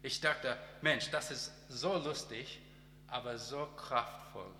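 A man from Australia whose first language is English, giving a short sermon in careful, halting German with many pauses and restarts. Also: mid-range voice, bright, forceful tone, echoey room, in a large hall, a little hiss or hum. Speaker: guest speaker and teacher. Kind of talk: church testimony and short sermon.

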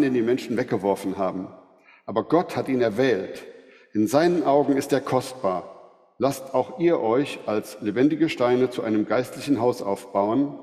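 A man giving a sermon, earnest and measured, asking rhetorical questions. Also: mid-range voice, warm tone. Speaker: preacher. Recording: long hall reverb.

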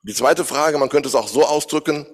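A man's voice: fairly high pitch, brisk, big-room sound. A man preaching a sermon, speaking straight to his listeners and asking them searching questions. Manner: addresses listeners directly, posing searching questions.

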